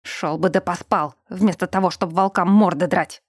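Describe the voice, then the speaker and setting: A woman voicing a gruff, stubborn male bear-shifter who answers in short, blunt lines. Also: on the low side, steady tone, moderate pace, dry recording, studio quality. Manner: gruff, terse.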